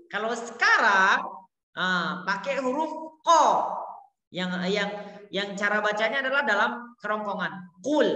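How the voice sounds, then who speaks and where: Bright-voiced woman teacher in an echoey room. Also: on the high side. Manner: patient, encouraging, drills words and sprinkles Arabic classroom phrases. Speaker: Arabic teacher. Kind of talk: online class teaching pronunciation to children. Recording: echoey room with long reverb.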